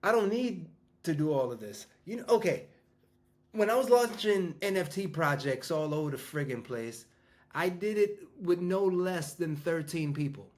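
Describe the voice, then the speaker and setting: A man's voice: a little high, animated, moderate pace. A fifty-year-old man, a business coach talking casually to his audience in a rambling way, full of restarts and fillers. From New York. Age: 50s. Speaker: business coach and school founder.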